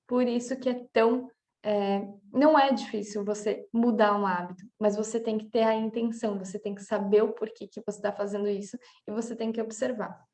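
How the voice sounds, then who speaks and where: Gravelly-voiced Brazilian woman teaching. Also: mid-range voice, steady tone, fairly quick, few pauses, darkish tone. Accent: Brazilian Portuguese. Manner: talks through examples, with many filler checks like "tá?". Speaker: coach teaching a class. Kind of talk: casual spoken lesson.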